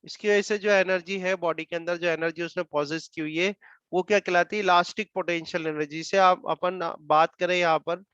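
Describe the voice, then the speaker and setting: High-voiced Indian man teaching physics. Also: steady tone, fairly bright tone, clean tone, no echo. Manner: explains slowly, repeating terms, dictates English definitions word by word. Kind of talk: classroom lecture. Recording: dull muffled dry sound.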